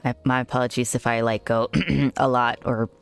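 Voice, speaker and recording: A young adult streamer with a mid-to-low, androgynous voice around 130 hertz. The delivery is chatty and giggly, moving between reading game text and casual reactions, with faint music behind. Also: level tone, moderate pace, clean tone. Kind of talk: casual game livestream commentary and reading aloud.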